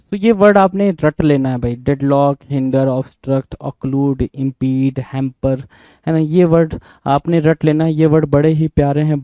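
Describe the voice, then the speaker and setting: In this exam vocabulary lesson, a man with a mellow, fairly high voice spells words letter by letter and repeats them. He checks in with his listeners often, and the recording has no echo.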